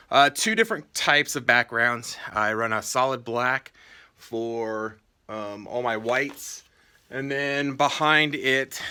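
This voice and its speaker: A man talks through his workspace in a casual vlog style. His voice is bright and clear, with an unhurried pace. He explains things plainly and practically, as a reseller showing how his warehouse runs. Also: mid-range voice. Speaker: online reseller giving a warehouse tour. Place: indoors in a warehouse.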